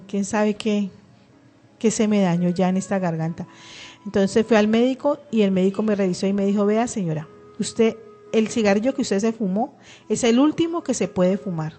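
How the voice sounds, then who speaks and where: A middle-aged woman tells her faith testimony in a radio studio, her voice warm and mellow. She speaks earnestly and with feeling, often restarting her words. Soft music plays faintly behind her. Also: mid-range voice. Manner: emotional, earnest, with frequent restarts. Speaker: radio program co-host. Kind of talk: personal religious testimony on radio.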